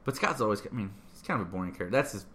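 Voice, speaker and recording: A man chatting casually about a superhero film, acting out characters' lines in a softer voice. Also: on the low side, animated, very fast, slight background noise.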